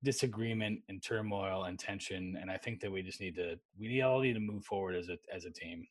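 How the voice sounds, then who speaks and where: Male podcast host, lowish voice, casual, blunt short interjections. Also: brisk. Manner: blunt, brief agreeing remarks. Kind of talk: casual chat.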